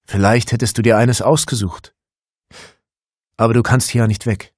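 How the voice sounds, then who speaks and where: A man voicing a kindly older man with bowed legs who talks in a coaxing, gently persuasive way. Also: medium pitch, fairly even intonation, normal speed, husky, no echo, studio quality, natural voice.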